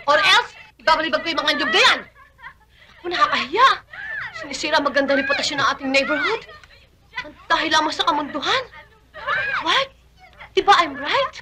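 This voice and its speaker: A woman's voice: sits high, expressive, a little fast, long pauses, heavy background noise. A vain, sassy neighborhood lady. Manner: mixes English into Tagalog, theatrical and scolding.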